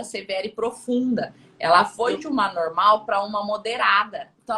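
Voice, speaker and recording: A woman guest in a relaxed interview, speaking with a bright, forward tone. She rambles in a friendly way and keeps checking in with her listener. Her pitch sits in an ordinary middle range. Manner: chatty, tags sentences with "tá?" and "né?". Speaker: audiologist guest. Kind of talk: casual interview talk.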